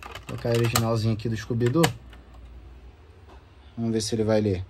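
This gaming vlogger talks fast in a mid-range, fairly flat voice that's a little mellow with a breathy edge. His Brazilian accent and playful, slangy chatter carry viewers casually through his hands-on console tests.

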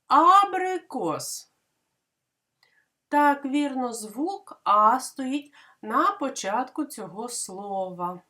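A woman kindergarten teacher giving a literacy lesson to young children, explaining patiently and clearly with many questions. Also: fairly high pitch, slow pace, pushed and bright.

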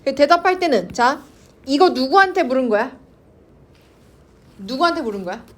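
A woman's voice: sits high, big pitch swings, moderate pace, fairly bright tone, slight background noise. A woman teaching an English grammar class, coaxing her students and checking in with them constantly. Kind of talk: online class lecture to students.

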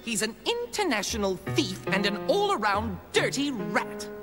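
A woman voicing an earnest, excitable little boy mouse in a cartoon. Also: fairly high pitch, normal speed, music in the background. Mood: indignant. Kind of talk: cartoon voice acting.

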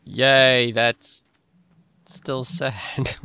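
A man's voice: mid-range voice, fairly even intonation, drawn-out words, creaky, bright, forceful tone, smooth. A man hosting a casual gaming session over voice chat, rambling and trailing off mid-sentence. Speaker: let's play host.

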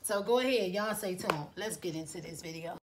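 Chatty woman vlogger, lively and casual. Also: fairly low pitch, a little fast, loud music behind the voice. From Miami, USA. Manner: chatty and enthusiastic, addresses viewers as y'all. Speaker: esthetician and beauty business owner. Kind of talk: casual vlog talk to viewers.

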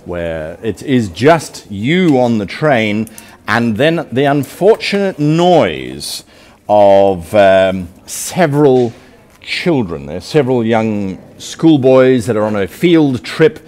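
A man's voice: mid-range voice, sing-song, slow pace, a little mellow. A man narrating a live tabletop game as game master, storytelling theatrically at a convention session.

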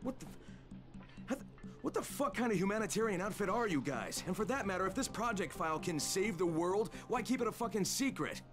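A man's voice: mid-range voice, normal speed, over music, lightly acted. A man playing a blunt, hot-headed, swearing undercover operative in a video game. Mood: indignant. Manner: blunt, profane.

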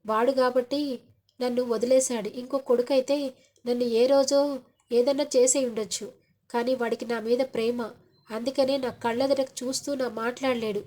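A woman's voice: on the high side, fairly even intonation, moderate pace, darkish tone, natural voice. A woman voicing a wounded, proud middle-aged father who speaks reproachfully and raises his voice in defiance. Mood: bitter.

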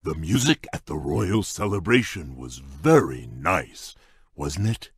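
An actor playing a shy, gentle male beast prince in a game, talking in a halting, bashful way with a husky, rumbling voice. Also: animated, no echo, exaggerated voice. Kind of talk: game voice clips.

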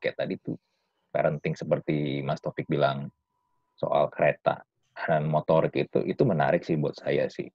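A man's voice: a bass voice, level tone, moderate pace, dry recording, dull audio. A man hosting a podcast, reacting to his guest with short comments and frequent hums. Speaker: podcast host. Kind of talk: casual podcast interview.

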